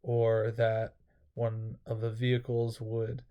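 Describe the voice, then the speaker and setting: Male vlogger, tired and low-key, monotone delivery, relaxed dark tone, intermittent vocal fry. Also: takes it slowly, lo-fi sound. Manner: subdued monotone. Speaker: online video creator. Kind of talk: casual chat to viewers.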